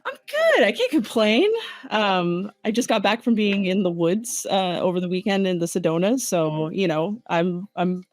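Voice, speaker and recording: A podcast guest and game designer from Hawaii, laid-back in casual chat, laughing often and talking in halting bits. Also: medium pitch, expressive, no room sound.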